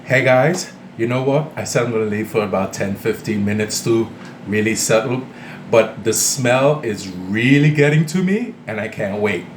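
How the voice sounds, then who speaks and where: A man's voice: fairly low pitch, normal speed, a little hiss or hum. A man hosting a casual cooking vlog from his home kitchen, chatting straight to his viewers and often checking in with them. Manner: chatty, addresses viewers directly, often tags "all right?". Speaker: cooking channel host. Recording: echoey room.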